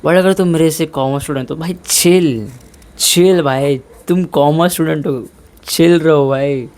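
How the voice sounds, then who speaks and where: A man's voice: on the high side, measured pace, a little mellow. Easygoing young man giving blunt advice. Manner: informal, mixes English in, says "bhai" a lot. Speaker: fitness vlogger. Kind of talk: casual advice talk.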